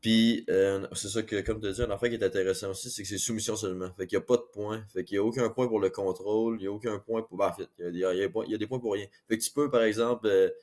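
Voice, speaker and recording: Man, québécois accent, very low voice, team captain, eager, explanatory. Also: fairly even intonation, rapid-fire, hardly any pauses, a little mellow. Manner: eager, explanatory with repeated fillers. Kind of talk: casual interview.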